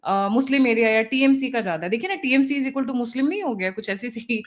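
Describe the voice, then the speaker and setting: A woman's voice: a little high, lively intonation, quick pace. A woman hosting a political discussion, speaking hesitantly with fillers while she thinks aloud. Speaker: host.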